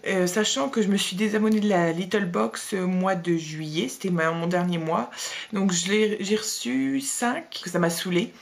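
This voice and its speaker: A woman's voice: medium pitch, vocal fry. A young woman vlogging a casual beauty box review, chatty and blunt, with slangy asides and lots of fillers.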